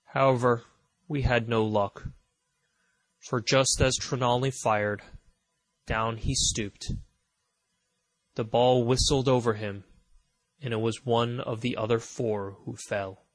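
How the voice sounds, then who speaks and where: A male narrator reads an adventure story in a slow, measured, even style. His voice sits at a middle pitch. The recording is close and dry, with no room echo. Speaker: audiobook narrator. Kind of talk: scripted audiobook narration.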